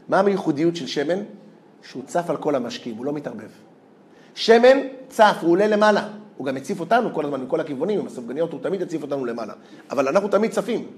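A man, a rabbi, giving a lively storytelling lecture, often repeating words and laughing through his anecdotes. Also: a little high. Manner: animated, repeats words, laughs as he tells stories.

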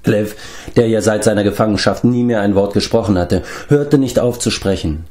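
A man narrating an audiobook in a calm, measured way. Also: fairly low pitch. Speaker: audiobook reader.

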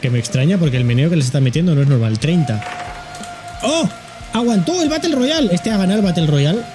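A man with a Spain accent reacts to a video in a bouncy, animated voice that leaps up and down in pitch. He jokes, exclaims, and gives the objects he watches funny little voices. Music plays behind him. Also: quick pace. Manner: jokey, exclaiming, voicing objects in funny asides. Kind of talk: casual reaction commentary.

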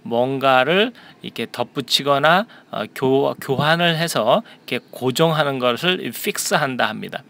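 A man teaching an English lesson, explaining sentences word by word and reading lines aloud slowly for students to repeat. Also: mid-range voice, expressive, gravelly, sharp tone. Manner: slow, deliberate English read-alouds for repeating.

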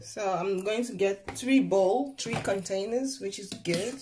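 A woman's voice: mid-range voice, a little slow, background noise. A woman chatting casually as she cooks in her home kitchen, talking to the camera while she works at the stove. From Sierra Leone. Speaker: cooking vlogger. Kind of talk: casual cooking narration. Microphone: camera pointed at the stove, speaker off frame.

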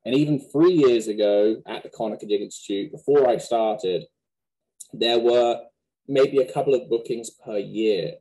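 A man in his thirties with a West Country Wiltshire accent softened by American, answering questions conversationally in an interview. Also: medium pitch, a little slow, rough recording. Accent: West Country Wiltshire English, softened by American. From Wiltshire, England. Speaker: museum director, interview guest. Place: small plain office, video call.

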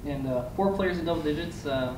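Reporter dude, stop-start questions, off mic in a roomy space with hiss. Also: male voice, fairly high pitch, distant mic. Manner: halting, restarts questions. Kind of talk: press conference questions. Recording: echoey room, off-mic, noisy.

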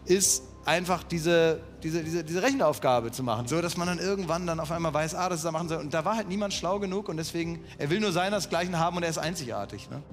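A man's voice: on the high side, quick pace, hardly any pauses, soft background music. A man in his thirties or forties, bantering and rambling as a player on a TV quiz show. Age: 30s to 40s. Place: large TV studio with audience.

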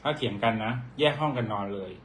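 Quick-talking man with Isan accent. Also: mid-range voice, fairly bright tone. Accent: Isan Thai. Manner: chatty, bickering back. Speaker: doctor. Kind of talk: casual couple chat.

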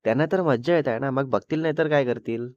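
A man's voice: mid-range voice, quick pace, darkish tone, dry recording, natural voice. A male storyteller voicing a jealous, possessive young woman who snaps back in pouting retorts, heard in a slightly dull lo-fi recording. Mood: sulky.

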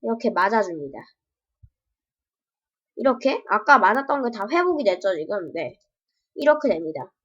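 A woman's voice: medium pitch, very animated, moderate pace, pauses often. Playful woman narrating her game, lo-fi. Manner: playful, with sound effects and yelps. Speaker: game streamer showing her own game. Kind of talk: casual gameplay commentary. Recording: dull lo-fi home recording.

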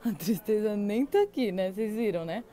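A woman's voice: medium pitch, lively intonation, normal speed, warm tone. A young woman from Brazil chatting and gushing to her viewers while browsing gift shops. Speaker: travel vlogger. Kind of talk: casual vlog walkthrough. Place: indoor gift shops at a theme park.

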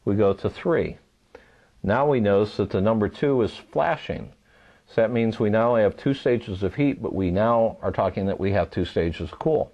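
A man calmly walking through a step-by-step how-to demonstration, patient and methodical, repeating key points. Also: lowish voice, moderate pace, muffled recording. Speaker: home repair instructor.

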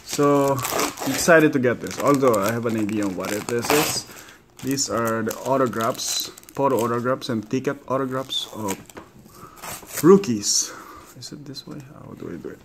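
A man in an excited, chatty unboxing vlog at home, laughing often as he talks to the camera. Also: mid-range voice, moderate pace, noisy background. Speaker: vlogger. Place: home, at a table.

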